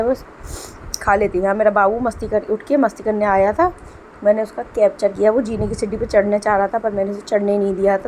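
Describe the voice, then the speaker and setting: A woman's voice: medium pitch, dark tone, slight background noise, rough recording. Chatty homemaker woman narrating her cooking. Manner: chatty, homely, explains as she goes. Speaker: homemaker vlogger. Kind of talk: casual cooking vlog voice-over.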